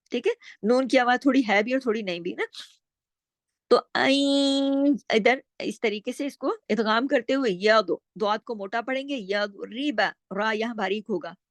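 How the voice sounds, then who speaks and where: A woman with a slightly high voice teaches the rules of Quran recitation. She goes step by step, poses questions and answers them herself, and stretches each recited word out slowly. The sound is dry and close, with no room in it. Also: no room sound. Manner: patient, explains step by step, asks and answers her own questions; draws out Arabic words slowly when reciting. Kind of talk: tajweed lesson with slow recitation.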